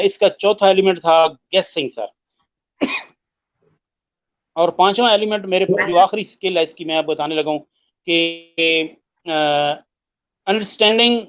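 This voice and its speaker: A man teaching English listening skills in an explanatory discussion, speaking slowly with many hesitations, mixing in English phrases and repeating words to show their stress. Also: high voice, no echo, muffled recording.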